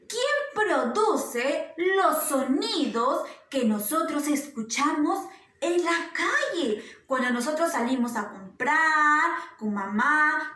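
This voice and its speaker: A woman giving a slow, coaxing lesson to small children, asking them questions again and again in a sing-song way. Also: sits high, sharp tone. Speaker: preschool teacher. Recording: roomy echo.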